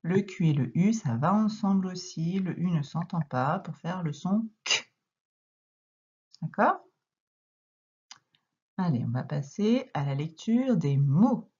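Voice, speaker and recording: A woman's voice: on the low side, lively intonation, takes it slowly, long pauses, a little mellow, husky, lo-fi sound. A woman teaching a reading lesson to young children, speaking patiently and sounding out letters and syllables one by one. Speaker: primary school teacher.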